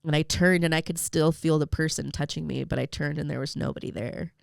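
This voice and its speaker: A woman's voice: low voice, fairly even intonation, a little fast, creaky, a little mellow, no echo, studio quality. A young woman telling a heartfelt personal story as a podcast guest, with lots of "like" and fillers. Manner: emotional storytelling with many fillers. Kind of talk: personal faith story in an interview.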